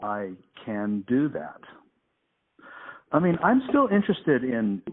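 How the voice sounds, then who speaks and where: A man's voice: mid-range voice, very animated, takes it slowly. Laid-back man heard over a tinny phone. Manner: laid-back, hesitant, with frequent ums. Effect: heard over a phone line. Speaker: artist taking a phone call. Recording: tinny, patchy phone line.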